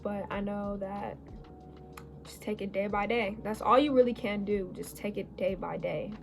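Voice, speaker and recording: A teenage girl in a casual get-ready-with-me chat, rambling and correcting herself as she goes, her voice a little hoarse, recorded on a phone. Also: mid-range voice, steady tone, normal speed, over music, poor audio. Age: late teens. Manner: rambling, chatty, self-correcting. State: slightly hoarse. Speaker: beauty vlogger. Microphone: phone camera.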